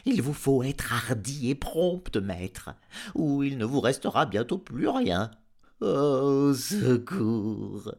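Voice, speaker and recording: A yelping, panicky talking farm dog from a storybook reading. The voice leaps far above his own and swoops wildly, drawn out into shrill, wailing cries. He stays cheeky even in his panic. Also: slow, creaky, full character voice. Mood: panicked.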